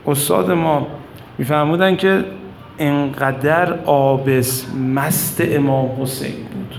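Male preacher, religious sermon, gravelly fry, fairly high voice, echoey room, faint background hum. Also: steady tone. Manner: impassioned, rising to cries and dropping low.

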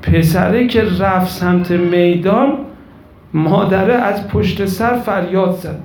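Brief: male preacher, high-pitched, passionate storytelling sermon, echoey hall sound. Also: darkish tone. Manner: impassioned storytelling, addresses women listeners directly. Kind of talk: religious sermon with mourning recital. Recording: echoey room with faint ambience.

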